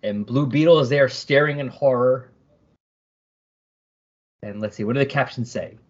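Husky-voiced man discussing comics. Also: medium pitch, normal speed, muffled recording. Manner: chatty, reads comic captions aloud. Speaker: podcast co-host. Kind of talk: casual comic book discussion.

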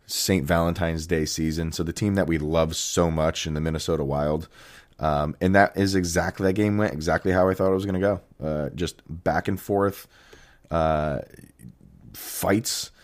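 A man hosting a casual sports podcast, his voice deep and hoarse from a chest cold, speaking haltingly with pauses. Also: a little mellow. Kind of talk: casual solo sports commentary and interviewing.

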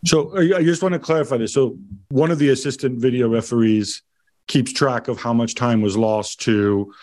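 A man's voice: medium pitch, normal speed, darkish tone. A man interviewing in a conversational, inquisitive way, asking for clarification. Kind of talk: conversational questioning.

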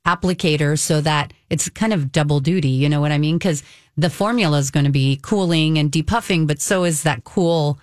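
A woman's voice: low voice, fairly quick, a little mellow, dry recording, studio quality. A woman in her fifties, a beauty expert co-hosting a casual radio chat, talking in an upbeat, encouraging, emphatic way. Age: 50s.

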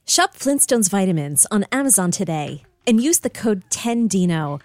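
A woman reading an ad script with a playful, bouncy lilt, stretching words for effect. Her pitch moves up and down a lot. The recording is dry and close, with no room sound. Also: sing-song, darkish tone, no echo. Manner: playful, upbeat delivery with drawn-out words. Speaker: ad narrator. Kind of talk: scripted advertisement read.

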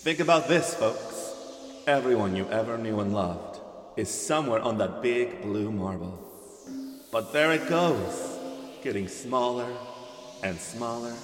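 A man's voice: medium pitch, animated, unhurried, soft background music, close to an everyday voice. An actor playing a folksy, cheerful male theme-park ride captain who talks in hammy showman patter. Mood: thrilled. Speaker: ride narrator. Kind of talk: scripted ride spiel. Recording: echoey hall with background noise.

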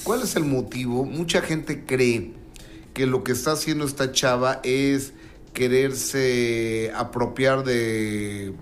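A man's voice: mid-range voice, slow, slight background noise. A man from Mexico City calling in to a radio show with a celebrity gossip report, opening with theatrical greetings. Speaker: entertainment news reporter.

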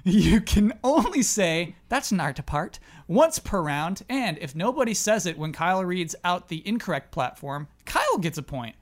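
A man's voice: sits high, big pitch swings, moderate pace, few pauses. A man chatting casually as the host and quiz reader on a gaming podcast.

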